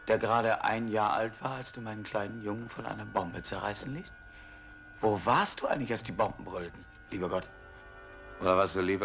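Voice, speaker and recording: A man giving a dramatic reading of a stage play, speaking as a bitter, despairing soldier, often hushed and at times rising to anguished cries. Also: deep voice. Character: Beckmann, despairing war-returned man.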